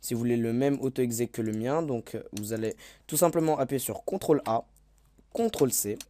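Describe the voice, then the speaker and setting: A man's voice: medium pitch, fairly quick, dark tone, no room sound. A man giving a casual video game tutorial voice-over, hesitant, with many fillers and self-corrections. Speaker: gaming tutorial YouTuber.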